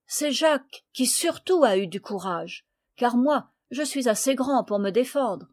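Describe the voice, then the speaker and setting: A woman's voice: on the high side, lively intonation, unhurried, a little mellow, no room sound, studio quality. A woman reading the part of an upright, brave boy who speaks earnestly and firmly.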